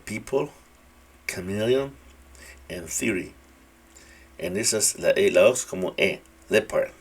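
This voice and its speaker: A man gives a casual English pronunciation lesson in a low, husky voice. He speaks slowly and repeats each example word carefully. His tone stays relaxed throughout. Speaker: English teacher.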